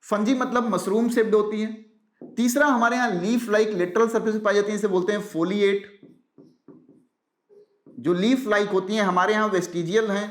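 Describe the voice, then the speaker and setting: In a roomy space with clear echo off the walls, a biology teacher lectures for exam prep in a noticeably high-pitched, fairly even voice. He asks quick rhetorical questions, answers them himself, slowly repeats key terms, and mixes in English science words.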